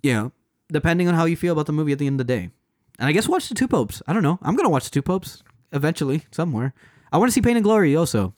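A man co-hosting a loose podcast chat about movies, talking fast with a lively, swinging pitch. He rambles, swears casually and keeps restarting his sentences. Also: no echo, clean studio sound. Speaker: podcast co-host.

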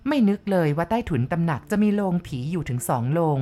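A woman reading a ghost story aloud in the first person, with measured, vivid descriptive narration. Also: on the low side, expressive, mellow.

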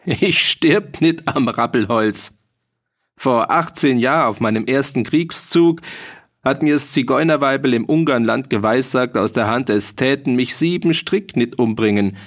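A man's voice: mid-range voice, unhurried, fairly bright tone. A man doing a bragging jolly mercenary. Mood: boastful. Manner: hearty, bragging, dialect-heavy. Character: boastful, jolly grown male mercenary soldier. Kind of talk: audiobook reading.

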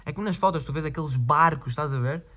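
Speaking fast in a fairly high, sharp voice, a vlogger with a European Portuguese accent chats casually and reads out viewer requests. His delivery rambles, leans on slang, and is full of swearing.

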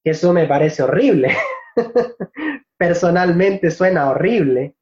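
A man from Venezuela, a Spanish teacher, answering interview questions in a reflective way, often pausing to search for words and laughing easily. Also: fairly high pitch, darkish tone. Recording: dull, lo-fi recording.

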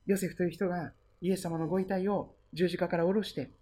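Husky-voiced pastor preaching softly. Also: medium pitch, steady tone, quick pace. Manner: storytelling, trailing into a hush at phrase ends. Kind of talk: sermon.

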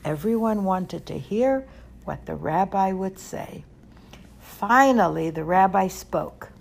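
A woman reading a children's storybook aloud at an ordinary pitch. Her delivery is clear and expressive. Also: slow pace.

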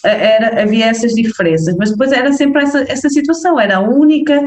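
In an echoey, roomy recording, a young northern Portuguese woman speaks as a casual interview guest. Her voice is a little high, and she's energetic, with lots of fillers and quick checks with the listener.

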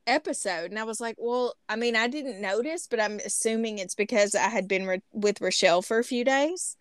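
A woman's voice: fairly high pitch, a little fast, clean tone, dry recording, studio quality. A middle-aged woman with a Southern American hillbilly accent, chatting casually and self-deprecatingly as a podcast host. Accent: Southern US hillbilly, Appalachian-like. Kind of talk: casual chat.

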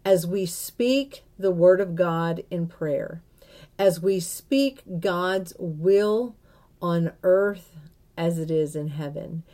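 Woman, prayer series host, very slow delivery, earnest, gentle pauses, slightly low voice. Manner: earnest and unhurried, with soft pauses and restarts. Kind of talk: slow, gentle spoken introduction.

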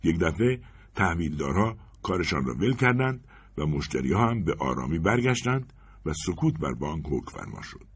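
Audiobook narrator: man, low and husky, animated storytelling delivery. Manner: expressive storytelling.

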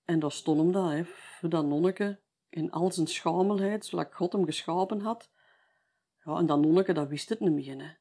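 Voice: medium pitch, moderate pace, mellow, husky. Brief: Flemish-accented local storyteller, folksy oral telling, conversational tags at the end of lines. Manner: chatty, tags sentences with "hè".

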